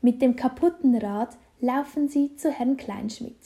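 A woman reading a children's story aloud, slow and deliberate. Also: high voice, warm tone.

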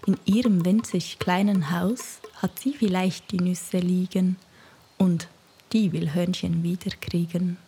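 A woman narrating a rhyming children's storybook in a soft, half-whispered voice. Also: fairly low pitch, fairly even intonation, a little slow, a little hiss or hum.

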